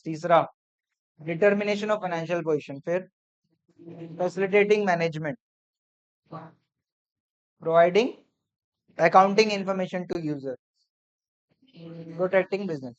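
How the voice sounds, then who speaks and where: A man's voice: sits high, highs cut off. A male accounting teacher revising a lesson with his class, quizzing them and going through numbered points, mixing English terms into Hindi. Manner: drills points in numbered lists, quizzing students.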